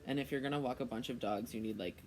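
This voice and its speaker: A man's voice: medium pitch, fast talker, faint music behind. A young man working as a dog walker, answering in a dry, blunt, teasing way. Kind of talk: casual interview.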